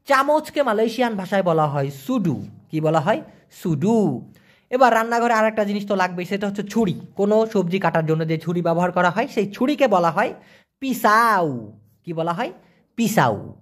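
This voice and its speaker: A man giving an online language lesson, answering viewer questions and slowly repeating foreign words for pronunciation. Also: sits high, expressive. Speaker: language teacher.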